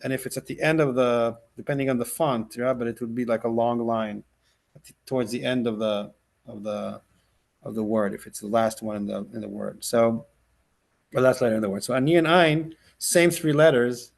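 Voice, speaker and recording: This male rabbi, a native Hebrew speaker, has a creaky mid-range voice. He teaches an informal lesson before guiding a soft, unhurried meditation, stumbling and restarting often, sprinkling in "like" and "right?"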